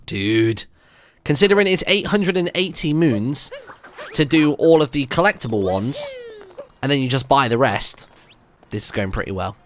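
A man's voice: medium pitch, fairly bright tone. A young British man giving casual, chatty gameplay commentary to viewers on a close mic, thinking aloud as he plays. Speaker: video game streamer. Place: indoor room, streaming setup at home. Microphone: close microphone on a stand. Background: video game music.

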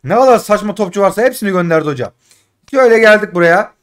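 Man, high voice, gaming commentary, frustrated, pleading, loud outbursts and muttering. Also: animated, quick pace. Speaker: gaming streamer. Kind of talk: casual live commentary while opening game packs.

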